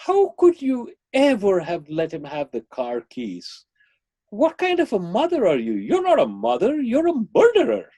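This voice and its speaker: A man voicing a friend who harshly accuses a mother over the phone, in a high, scornful voice. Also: wildly swooping pitch, unhurried, mellow, no room sound, full character voice. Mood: accusing.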